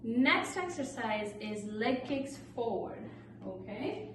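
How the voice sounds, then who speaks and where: A woman leads an aerobics class, cueing and counting moves with brief, encouraging instructions. Her voice is on the high side with lively intonation and a slow pace. The sound is echoey and noisy, picked up by a distant microphone.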